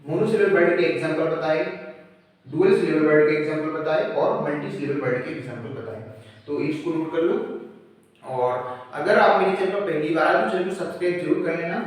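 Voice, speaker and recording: A man teaching a casual grammar lesson, reassuring and slowly repeating the key terms. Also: on the high side. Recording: echoey room, voice from a distance.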